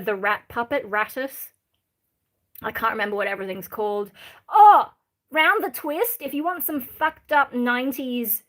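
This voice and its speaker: This is an Australian woman with a fairly high voice, talking casually to a live chat. She reads questions aloud and answers them bluntly, with irreverent, sweary frankness. Her talk rambles from one thought to another. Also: a bit bright. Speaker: live streamer. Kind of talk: casual livestream chat, reading out viewer questions.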